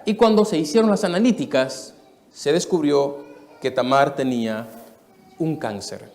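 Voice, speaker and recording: Before a live church crowd, a man in his thirties from the Dominican Republic delivers his sermon testimony as an earnest story that swings from gentle to forceful. His voice is a little high and his pace unhurried.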